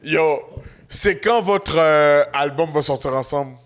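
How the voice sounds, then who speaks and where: A man's voice: fairly high pitch, a little slow. A man hosting a podcast, teasing his guest and mixing in English. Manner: teasing, joking, mixes English. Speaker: podcast host. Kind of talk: casual podcast banter.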